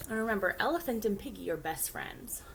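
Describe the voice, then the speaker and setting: A woman hosting a children's storytime, reading aloud and asking gentle questions. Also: mid-range voice, expressive, fairly quick, vocal fry, a little hiss or hum. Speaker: storytime reader.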